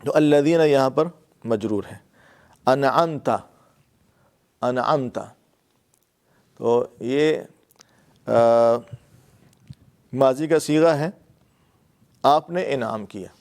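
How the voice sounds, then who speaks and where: A man's voice: medium pitch, pauses often. Patient Urdu-speaking male grammar teacher. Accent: Pakistani Urdu. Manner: explains patiently, repeats words and fillers. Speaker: Quran and Arabic grammar teacher. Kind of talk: classroom lecture.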